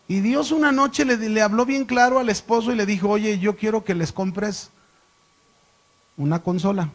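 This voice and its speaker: A man's voice: high-pitched, a little mellow. A middle-aged man, a pastor teaching a sermon and telling stories with questions to the congregation.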